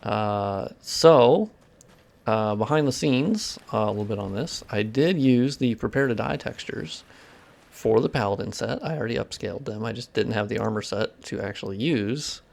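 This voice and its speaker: Gravelly-voiced man streaming a game. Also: on the low side, expressive, moderate pace, a little mellow. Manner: casual and profane, chatting with viewers while playing; technical explaining between bursts of reaction. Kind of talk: casual live-stream gameplay commentary.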